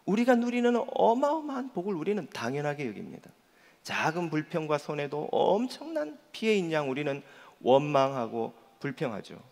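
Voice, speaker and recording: A man preaching a sermon from the pulpit, his voice rough and gravelly and sitting a little high for a man. He keeps putting earnest rhetorical questions to his listeners, and a long church reverb trails each phrase. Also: very animated, moderate pace, darkish tone. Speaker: pastor. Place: church sanctuary.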